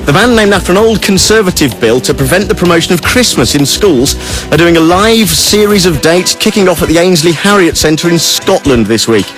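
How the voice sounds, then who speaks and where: Casting: British male comic radio presenter, deadpan gig-guide read, lightly high voice over music. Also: a little fast. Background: music bed.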